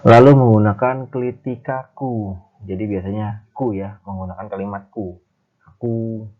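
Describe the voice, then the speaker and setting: A man's voice: on the low side, fairly even intonation, moderate pace, soft background music. A male teacher giving a grammar lesson, explaining step by step with frequent fillers. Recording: tinny phone-like sound.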